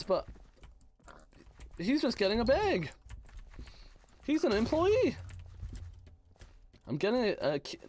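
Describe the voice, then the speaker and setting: A man chats on a livestream with a bouncy, animated voice that rises and falls a lot. He teases his viewers in playful gamer slang. His voice sounds worn and a little hoarse. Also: high voice. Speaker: game streamer. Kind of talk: casual livestream chat, reading chat aloud.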